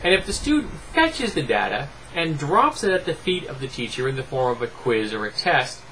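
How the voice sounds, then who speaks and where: A middle-aged man giving an opinionated book review to camera in deliberate, emphatic phrases with pauses. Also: medium pitch, poor audio. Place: small home room lined with bookshelves. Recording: clear steady fan noise. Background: electric fan noise.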